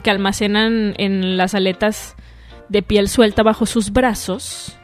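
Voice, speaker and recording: A young woman with a Mexican accent hosting a casual solo radio show, chatty and full of slang and swearing. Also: medium pitch. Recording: music playing faintly behind.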